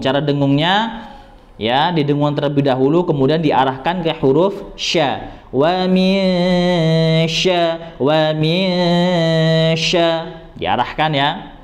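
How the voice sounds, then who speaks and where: A man teaching Quran recitation rules, patiently repeating sounds, reassuring his students, and slowly chanting the verses. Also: medium pitch. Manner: slow drawn-out chanting when reciting verses. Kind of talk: tajwid lesson with recited verses.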